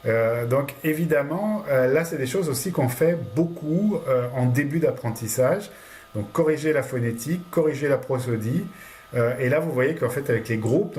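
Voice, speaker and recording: A man giving a relaxed lecture about a language course, talking loosely with frequent hesitations. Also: mid-range voice. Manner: hesitant, many fillers and restarts while explaining course material. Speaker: university lecturer. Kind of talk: casual lecture commentary.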